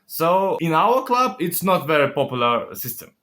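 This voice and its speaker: Higher-voiced man with a Kazakh accent. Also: sing-song, sharp tone. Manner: halting, simple non-native English phrasing. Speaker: interview guest, game club owner. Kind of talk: interview answers.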